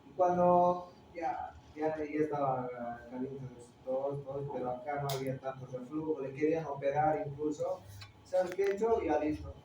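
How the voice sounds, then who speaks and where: A man's voice: on the high side, steady tone, normal speed, mellow, muffled recording. Echoey lecturing man with Peruvian accent. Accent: Peruvian Spanish. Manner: explanatory, quizzes students with tag questions. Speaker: teacher. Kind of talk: classroom lecture. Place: classroom. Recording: echoey room, distant mic, faint noise.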